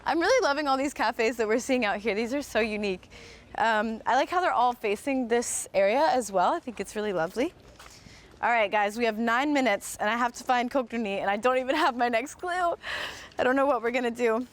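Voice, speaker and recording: Walking around a historic site outdoors, a woman from the United States hosts a live-streamed tour in a brisk, fairly high voice. She keeps things chatty and cheerful with her viewers, musing aloud and leaning on lots of fillers.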